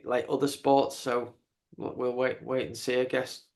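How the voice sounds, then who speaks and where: A man in his fifties hosting a podcast, chatting casually in a halting way, often repeating words. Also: mid-range voice, flat delivery, a little mellow. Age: 50s. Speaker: podcast host. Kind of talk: casual interview chat.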